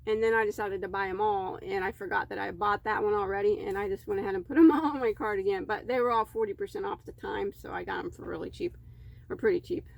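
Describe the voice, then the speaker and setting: A woman's voice: mid-range voice, fast, creaky. A woman crochet vlogger chatting casually as she unboxes yarn, easily delighted and rambling in asides.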